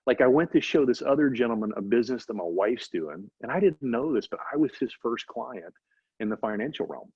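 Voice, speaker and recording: Man, middle-aged, husky voice, dry slightly dull recording, animated storytelling guest. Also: mid-range voice, a little fast, no echo. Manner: animated, faith-driven storytelling with frequent "right?". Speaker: interview guest. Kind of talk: casual storytelling interview.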